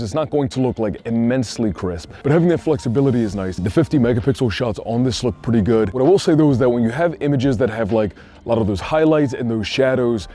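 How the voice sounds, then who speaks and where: In a dark-toned, medium-pitched voice, a Puerto Rican man reviews a product as a tech reviewer. His delivery is casual and conversational, peppered with "like."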